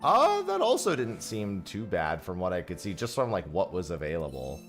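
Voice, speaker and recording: Man, livestream headset audio, chatty gamer, deep-ish voice, animated delivery. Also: moderate pace, faint music behind. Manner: chatty, joking, thanks viewers for gifts. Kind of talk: casual livestream chat while gaming. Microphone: headset mic, livestream audio.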